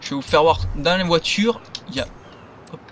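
A man's voice: fairly high pitch, fairly quick, a bit bright, slight background noise. A man giving loose, rambling commentary over his gameplay as a gaming video creator.

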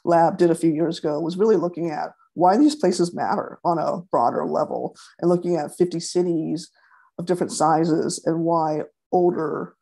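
A woman's voice: sits low, fairly even intonation, normal speed, gravelly, dark tone, husky. A woman giving a webinar presentation over a video call, hesitant, with many fillers and restarts.

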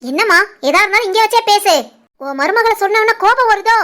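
[name], a woman doing a shrill spiteful sister-in-law. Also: animated, brisk, sharp tone, heavily acted. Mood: defiant. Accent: Tirunelveli Tamil. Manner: taunting, accusing. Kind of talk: animated family cartoon voice acting.

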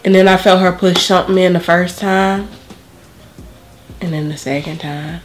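Expressive young woman chatting casually. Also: on the low side, normal speed, soft background music. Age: twenties. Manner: expressive, acts out quoted exchanges. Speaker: vlogger. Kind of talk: casual storytelling and reaction commentary. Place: small bedroom.

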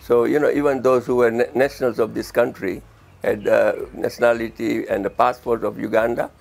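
A man explains past events in a relaxed, conversational interview. His voice is gravelly, with a lot of vocal fry. He fills pauses with "you know". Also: mid-range voice. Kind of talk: interview commentary.

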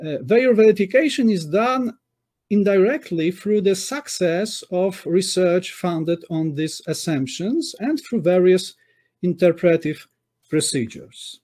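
Measured, dark-voiced man giving an academic talk. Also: high voice, expressive. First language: Polish. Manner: measured, with frequent "uh" pauses and self-corrections. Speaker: conference speaker. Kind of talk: academic lecture over slides. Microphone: webcam on a video call.

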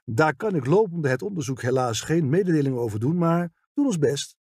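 A man reading an audiobook, voicing a grey older police detective who speaks calmly and politely. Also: fairly high pitch, a little fast, husky, no room sound, studio quality. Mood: measured. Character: grey veteran police detective, patient and courteous.

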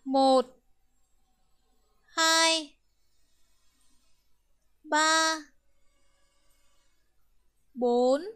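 A woman teaching Chinese with a Vietnamese accent, counting strokes aloud and drilling words slowly and carefully. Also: sits high, fairly bright tone. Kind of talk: slow, careful language lesson.

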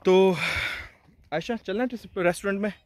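A man with a high, darkish voice chats at a moderate pace to his travel vlog viewers, panting on a mountain hike before reaching a hilltop restaurant and pointing out views along the way. The audio has no room sound.

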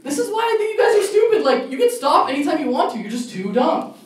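A man's voice: very high-pitched, sing-song, fast talker. Young guy doing standup, fake-angry ranting, roomy echo and a bit of hiss. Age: young adult. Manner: mock-outraged, ranting. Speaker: stand-up comedian. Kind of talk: stand-up comedy set. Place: college comedy club show. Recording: echoey room, mic far off, faint noise.

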